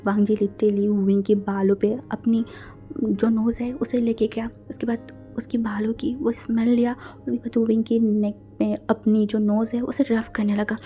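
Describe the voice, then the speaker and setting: A woman's voice: on the high side, little pitch movement, moderate pace. A woman with an Indian accent narrating a fan fiction romance, chatty and casual, often slipping into a whisper. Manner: casual, mixes English words into Hindi; drops into whispers for intimate scenes. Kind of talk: storytelling narration with acted dialogue. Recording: soft background music.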